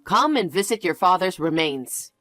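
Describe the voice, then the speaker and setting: A woman's voice: on the low side, expressive, moderate pace, fairly bright tone, no room sound, pitched below the performer's own voice. A woman voicing an anxious, pushy middle-aged mother in a dramatized story narration, sounding frantic and guilt-tripping.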